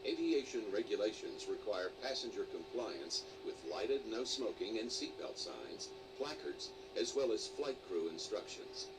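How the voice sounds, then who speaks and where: A man reading a pre-recorded cabin safety announcement in a formal, measured way, played back in a flight simulator. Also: fairly low pitch, very animated. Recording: distant, noisy game audio.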